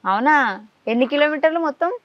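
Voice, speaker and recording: A woman interviewing a child in a casual chat, coaxing answers out of them with quick questions. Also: sits high, expressive, dry recording. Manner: coaxing, rapid-fire questions. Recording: dull lo-fi dry sound.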